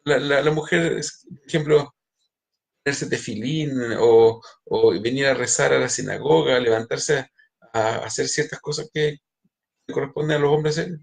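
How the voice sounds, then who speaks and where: Middle-aged male rabbi, gravelly mid-pitched voice, lecturing with frequent restarts. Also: normal speed. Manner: many restarts and repeated words, speaks straight to listeners. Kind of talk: spiritual lecture.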